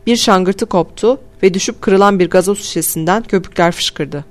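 A man calmly narrating a first-person audiobook in a measured storytelling voice. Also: high-pitched. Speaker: audiobook reader.

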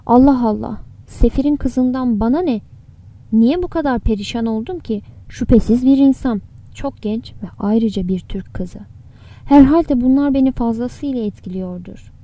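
A woman's voice: fairly high pitch, moderate pace, dark tone, natural voice. A woman voicing a worried, grieving young man in an audiobook, with urgent and anxious delivery. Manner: urgent, breathless worry. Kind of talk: audiobook character reading.

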